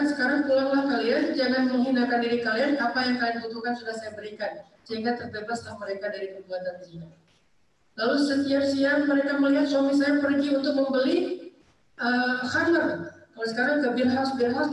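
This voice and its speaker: Preacher doing a widow pleading for her husband, high, echoey and far off. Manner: earnest pleading storytelling. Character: grieving widow defending her dead husband. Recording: echoey, distant mic, faint noise.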